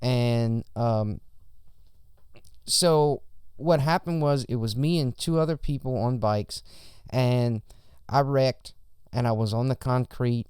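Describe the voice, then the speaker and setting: A man's voice: medium pitch, slow, darkish tone, clean tone, dry recording, clean studio sound. A man missing his front teeth, chatting casually on a podcast in an emphatic way, with heavy swearing. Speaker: podcast co-host or guest.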